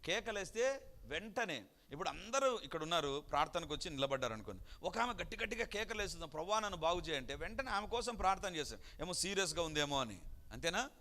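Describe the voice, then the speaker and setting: A man's voice: a little high, very animated, fast talker, sharp tone. A man preaching a sermon with emphasis, acting out the voices of people in a Bible story. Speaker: pastor. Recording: long hall reverb.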